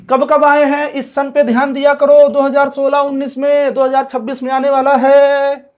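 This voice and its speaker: A man's voice: very high-pitched, level tone, normal speed, darkish tone, dull audio. A male chemistry teacher giving an exam-prep lecture who asks questions aloud, answers them himself, repeats key terms and keeps urging students to pay attention. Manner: repeats key terms several times over.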